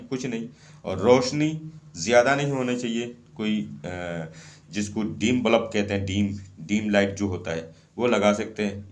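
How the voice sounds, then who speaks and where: Casually and step by step, a fairly low-pitched man explains how to carry out a ritual, going over each point again and frequently asking "okay".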